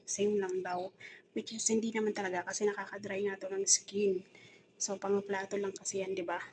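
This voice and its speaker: Filipino lady rambling on in her vlog, kinda aggrieved, soft dark tone. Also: medium pitch, level tone, normal speed, a little hiss or hum, rough recording. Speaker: domestic helper vlogger. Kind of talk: casual storytelling vlog.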